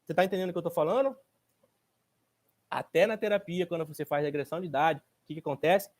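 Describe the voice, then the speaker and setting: A man gives a motivational workshop talk, his voice pitched notably high for a man. He speaks in a colloquial, emphatic way, posing rhetorical questions and answering them himself. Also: quick pace, darkish tone. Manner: casual colloquial phrasing, repeats points for stress. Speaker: therapist and speaker.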